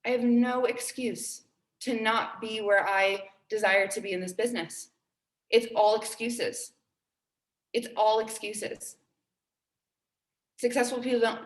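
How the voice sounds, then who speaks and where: In her twenties, a team trainer delivers an earnest, upbeat motivational talk, repeating key phrases to drive them home. Her mid-range voice is unhurried and sounds echoey in the room.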